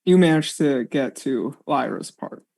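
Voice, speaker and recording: A woman's voice: rumbling low, big pitch swings, normal speed, vocal fry, mellow. A woman narrating a tabletop game as game master.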